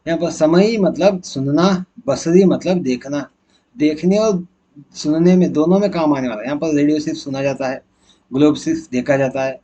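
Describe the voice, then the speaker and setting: A man's voice: on the high side, mellow, muffled recording. A man teacher going through exam questions one by one, asking and answering his own questions as he explains. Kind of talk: exam answer key walkthrough.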